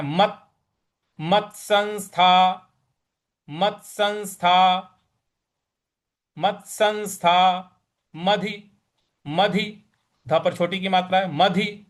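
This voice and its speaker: A man's voice: high voice, steady tone, slow. A man teaching scripture recitation, drilling pronunciation syllable by syllable and chanting verses in a melodic sing-song. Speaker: Gita teacher. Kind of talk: recitation lesson.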